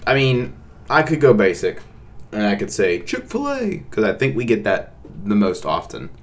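Deep-voiced rambling man. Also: huge pitch swings, moderate pace. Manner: rambling, repeats words, many fillers. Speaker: podcast co-host. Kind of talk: casual couple's podcast chat.

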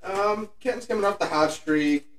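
A man's voice: high-pitched, normal speed, distant mic. A young man joking through score picks in a casual chat with friends. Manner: joking, wisecracking. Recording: echoey room, voice off-mic.

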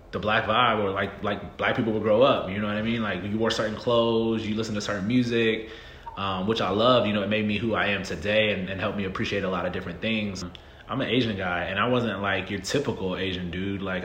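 Relaxed and open, a man in his thirties from the American South speaks in a low voice as a guest on a podcast, keeping the interview casual. He says "um" and "you know what I mean" a lot, and the audio carries echo and slight background noise.

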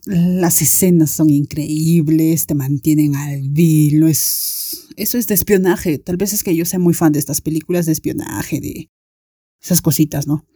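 A young woman with a Latin American Spanish accent, hosting a podcast and telling a story in a chatty, animated way. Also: deep voice, slightly rough, no echo, clean studio sound. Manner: chatty, animated, acts out friends' voices. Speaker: podcast host. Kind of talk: casual storytelling monologue.

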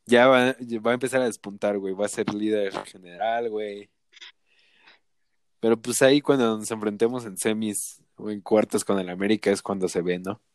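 A man's voice: lowish voice, unhurried, long pauses, dry recording. Slangy, joking Mexican man, dry close sound. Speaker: podcast co-host. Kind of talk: casual football banter.

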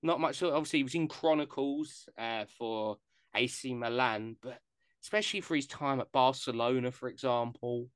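A man's voice: mid-range voice, normal speed, smooth, no room sound. A man hosting a casual podcast chat, jokey and rambling. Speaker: podcast host.

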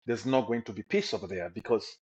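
A man's voice: fairly low pitch, brisk, darkish tone. A young man from the Democratic Republic of the Congo, a podcast guest telling his personal story with energy and enthusiasm. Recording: slightly dull lo-fi audio.

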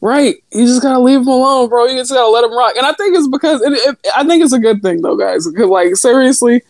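A woman's voice: on the high side, fast, a little mellow, no echo. A woman co-hosting a podcast in casual chat, swearing freely and often laughing as she tells stories about her kids. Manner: profane, laughing storyteller. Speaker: podcast co-host.

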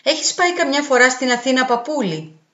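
Woman reading as a warm young girl student. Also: sits high, expressive, voice pushed up. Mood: friendly. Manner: warm, caring. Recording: roomy, dull, with faint music.

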